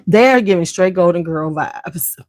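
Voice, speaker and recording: A woman's voice: fairly low pitch, expressive, measured pace, a little mellow, no echo. A woman hosting a beauty livestream, chatting casually and slangily straight to her viewers.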